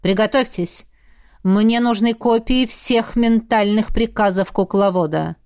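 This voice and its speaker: A male necromancer officer barks short, crisp orders as a woman narrator voices him. The audiobook sound is dry and close, with no echo. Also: medium pitch, measured pace, a little mellow, lightly acted. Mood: commanding.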